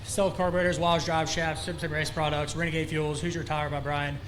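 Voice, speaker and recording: A man's voice: a little high, flat delivery, a little fast, background noise. A man who just won a race, out of breath, rambling loosely in a post-race interview with lots of fillers at an outdoor dirt track. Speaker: winning race driver.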